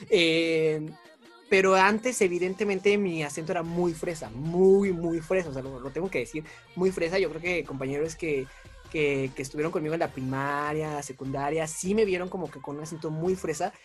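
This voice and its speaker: A young man with a Mexican accent, chatting as an interview guest, talkative and self-mocking, laughing often. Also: on the high side. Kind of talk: casual chat.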